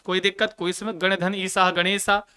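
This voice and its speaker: Bright, clear-voiced Hindi grammar teacher. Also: male voice, high voice, normal speed. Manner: lively, asks questions and answers them himself; joking asides.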